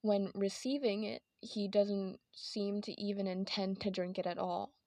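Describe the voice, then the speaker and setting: A woman's voice: mid-range voice, steady tone, a little slow, warm tone, dry recording, studio quality. A woman with a lisp and whistling s, narrating an informal, partly scripted video essay into a headphone mic. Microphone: headset microphone from headphones.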